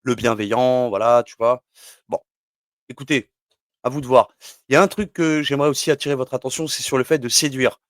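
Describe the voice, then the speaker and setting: A man's voice: medium pitch, fairly even intonation, brisk, dry recording, clean studio sound. A man giving a casual explanatory talk as a religious numerology teacher, rambling with many fillers and asides.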